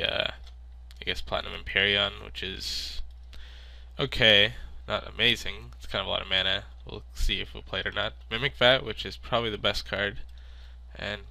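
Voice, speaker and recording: A man's voice: lowish voice, steady tone, moderate pace, gravelly, bright, forceful tone, dry recording. A man with a sick, stuffy, nasal voice, thinking aloud in casual card-game commentary. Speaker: video maker.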